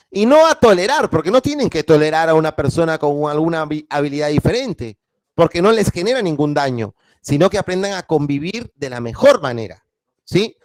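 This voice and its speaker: A fairly high-voiced man teaches a class, asking his students questions and reading passages aloud with expressive intonation. The sound is dry and close, with almost no room reflection. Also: no room sound. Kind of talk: online class lecture with read-aloud.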